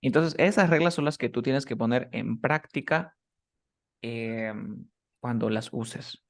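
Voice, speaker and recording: A man with a mid-range voice takes it slowly as he teaches English grammar one-on-one. He explains the rules step by step and patiently keeps checking that his student follows with short questions.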